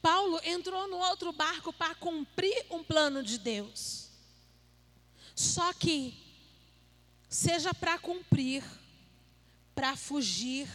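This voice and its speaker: A woman with a bright, high voice preaches a sermon. She keeps it playful and conversational, teasing her listeners and asking them questions as she goes. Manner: playful and conversational, jokes with the audience.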